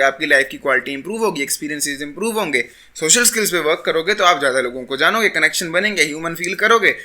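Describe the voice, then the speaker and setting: A man's voice: fairly high pitch, sharp tone. A young man gives an argumentative self-improvement monologue to camera, switching between Hindi and English.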